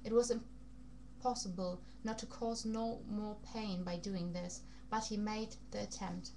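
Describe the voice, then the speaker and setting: A woman's voice: mid-range voice, fairly even intonation, measured pace, dark tone. Casting: woman, amateur audiobook-style reader, put-on foreign accent, occasional stumbles, slight hum and noise on the recording. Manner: stumbles over words and rereads phrases. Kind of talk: amateur reading aloud of a vampire novel. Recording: noisy recording with background hum.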